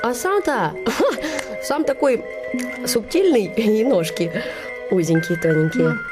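A bustling older matchmaker gossips and flatters in a lively, exclaiming stream. She mimics the people she tells about. It is a stage play performance. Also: fairly high pitch, slow pace, loud music behind the voice. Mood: gossiping.

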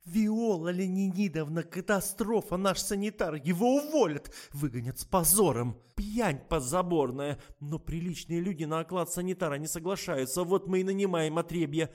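A man voicing a flustered, bossy middle-aged woman doctor who scolds in shrill outbursts. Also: moderate pace, lightly acted.

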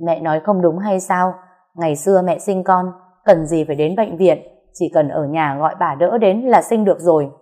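A woman's voice: on the low side, moderate pace, mellow, lightly acted. A woman voicing a harsh old mother-in-law. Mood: contemptuous. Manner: scolding, blunt.

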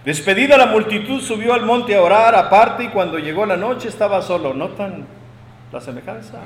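A man preaching a sermon, emphatic, swinging between loud proclamations and quiet asides, recorded in a church hall. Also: high voice, moderate pace.

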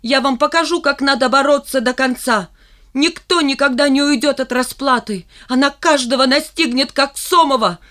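A reader voicing a proud, stubborn schoolgirl class leader in an audiobook, loud and fervent. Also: sits high, normal speed, voice pushed up. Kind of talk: audiobook character reading.

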